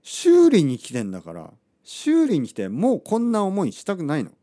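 Male podcaster, casual anecdote teller, warm dark voice, acts out the people he quotes, leaves almost no room sound. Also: high voice, moderate pace, no room sound, studio quality. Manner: animated, acts out quotes, asks listeners rhetorical questions. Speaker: podcast host. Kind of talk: casual storytelling monologue.

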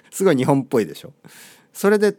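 Casting: middle-aged man, playful chatty host, animated pitch, dry close sound. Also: a little fast, dry recording. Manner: chatty, playful, amused asides. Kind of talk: casual monologue.

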